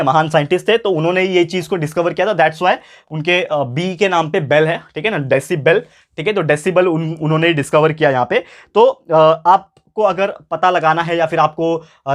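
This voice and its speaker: A man with a slightly high voice teaches school science online, addressing viewers like friends. He goes over key points more than once and talks a bit louder than normal for clarity.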